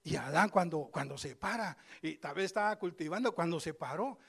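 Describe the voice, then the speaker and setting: A male preacher giving a sermon, telling scripture stories with lively asides and speaking straight to his congregation. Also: on the high side, brisk, gravelly, breathy edge. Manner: lively storytelling, acts out scripture voices; addresses congregation directly, conversational asides.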